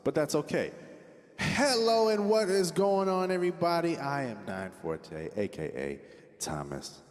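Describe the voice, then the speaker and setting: A man's voice: fairly high pitch, very animated, a little slow. A man hosting a casual livestream, talking in a loose, rambling way, with a big hall echo on his voice. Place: home studio. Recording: long reverb, echoey hall sound.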